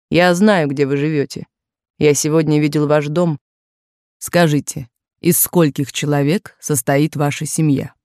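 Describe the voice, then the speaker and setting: A woman voicing an insistent, possessive wealthy man courting a young maid, in a lowered, slow, pressing voice in a dry studio recording. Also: darkish tone, no echo.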